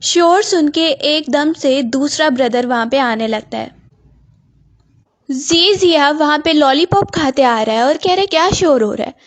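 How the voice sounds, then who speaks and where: A woman narrating a drama recap as a voice-over, with brisk storytelling that mixes English words into her speech. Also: sits high, expressive.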